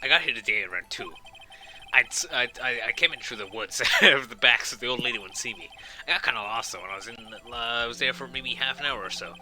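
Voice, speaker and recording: A man's voice: mid-range voice, fast, sharp tone, a little hiss or hum. A man reading as a nervous young boy witness. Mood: nervous recounting.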